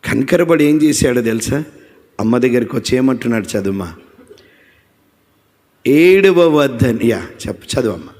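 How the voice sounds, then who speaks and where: A man preaching a sermon as pastor, fervent and building to loud exclamations. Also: medium pitch, expressive, normal speed, pauses often. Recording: long hall reverb.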